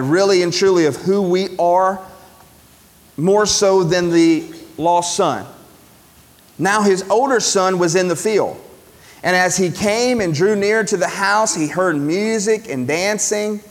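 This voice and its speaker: High-voiced preacher in a reverberant hall. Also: male voice. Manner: earnest, conversational preaching with fillers. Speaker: pastor. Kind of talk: sermon. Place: cafeteria used for church.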